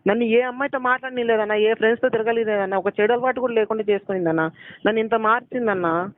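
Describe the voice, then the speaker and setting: A man's voice: sits high, steady tone, quick pace, dry recording. A young man, arguing heatedly on a phone call, pleading, accusing and asking the same questions again and again. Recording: tinny phone call recording.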